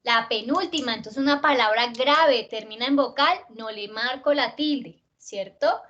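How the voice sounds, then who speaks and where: A woman teaching a writing class, drilling word stress slowly and patiently, stretching out each word she asks about. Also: on the high side, fairly bright tone. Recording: dull lo-fi class recording.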